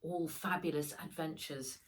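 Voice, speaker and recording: A deep-voiced woman reads her own children's book aloud at a measured pace, animated and expressive, with dramatic emphasis.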